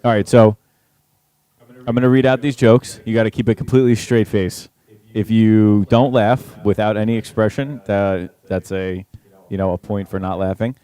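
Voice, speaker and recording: Laid-back young man, deep mellow voice. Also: steady tone, moderate pace, clear, resonant tone. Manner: laid-back, lots of "like" and "dude". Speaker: podcast co-host. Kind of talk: casual chat.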